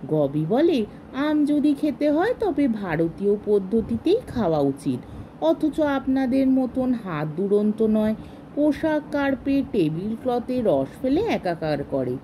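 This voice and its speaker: A woman's voice: on the high side, warm tone, a little hiss or hum, poor audio. A woman doing a naive eager society lady.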